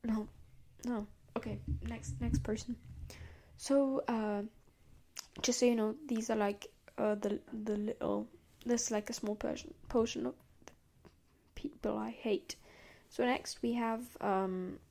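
Young woman, podcast rant, swearing, rambling, hissed whispers, highish mellow voice. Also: fairly even intonation, unhurried. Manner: heated, profane, rambling rant; drops into hissed whispers on insults. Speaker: podcast host. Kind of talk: casual monologue rant.

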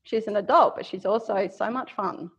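A woman's voice: medium pitch, moderate pace, husky, lo-fi sound. A woman with a Queensland Australian accent chatting casually as a podcast guest.

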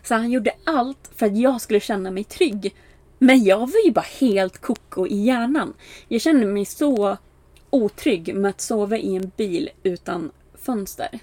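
A young woman casually telling a story, animated, with many fillers, acting out the lines of people she quotes. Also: medium pitch, dry recording. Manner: animated, acts out quoted exchanges with bright raised voice; frequent filler "bara" and "liksom", laughs at herself.

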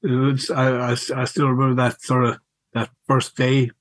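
A middle-aged man, reminiscing casually in a halting, wry way and repeating words as he goes. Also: medium pitch, little pitch movement, no echo. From County Mayo, Ireland. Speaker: podcast guest, school alumnus.

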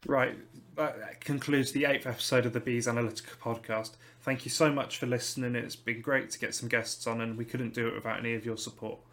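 A man's voice: mid-range voice, flat delivery, a little fast, hardly any pauses, a bit bright. A young man hosting a football podcast, politely reading out prepared questions and wrapping up the show. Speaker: podcast host. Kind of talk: casual podcast interview.

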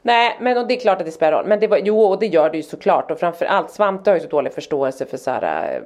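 A woman in her forties, a mother, telling a story in casual chat and acting out the quoted lines. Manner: animated, acts out quotes with raised pitch.

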